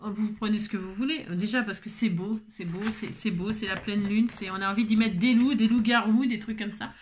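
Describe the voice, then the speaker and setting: A woman's voice: mid-range voice, fairly even intonation, a little fast, slight background noise. A woman hosting a casual crafting tutorial, out of breath, chatty and full of fillers and repetitions.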